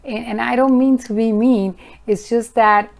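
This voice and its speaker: A woman's voice: a little high, steady tone, unhurried, gravelly, a little mellow. A woman teaching about mantra chanting in a casual, earnest talk to camera, frank and sometimes firm with her viewers.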